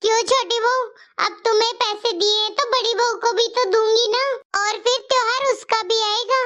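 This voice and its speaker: A stern but fair mother-in-law in a cartoon story, voiced by a woman, lecturing her daughters-in-law. The voice sits very high and sounds bright and sharp. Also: steady tone, normal speed, lo-fi sound. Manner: scolding, lecturing.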